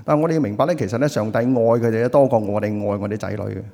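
Fast-talking male sermon interpreter. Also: on the low side, creaky, dark tone. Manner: quick, plain, conversational rendering. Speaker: church interpreter. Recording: reverberant church hall.

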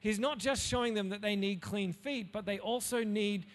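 A man preaching in a high voice, animated and jokey, with plenty of playful asides. His voice carries a long reverb from a large hall. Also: moderate pace. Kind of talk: Bible talk for young listeners.

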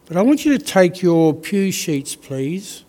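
A man preaching a sermon as a priest, reading scripture slowly and deliberately with pauses. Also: sits high, very animated, warm tone.

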